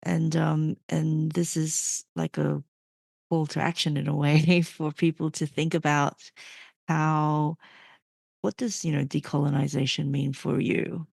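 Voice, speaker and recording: Gravelly-voiced woman podcast host. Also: low-pitched, little pitch movement, unhurried, a little mellow, dry recording, clean studio sound. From Malaysia. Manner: hesitant, many restarts and fillers. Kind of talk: interview conversation.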